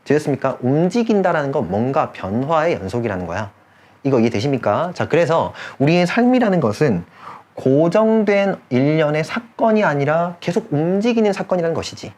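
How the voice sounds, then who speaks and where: Animated male English grammar lecturer. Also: mid-range voice. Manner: checks in with students constantly, repeating key points; drawls key phrases slowly for emphasis. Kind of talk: online lecture.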